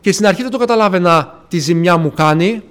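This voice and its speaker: A man's voice: high-pitched, fairly bright tone. A man from Athens giving an earnest personal faith testimony to a congregation, retelling past conversations and often addressing his listeners as brothers. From Athens, Greece. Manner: earnest, retells conversations with frequent "I say, she says" asides. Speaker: church member giving testimony.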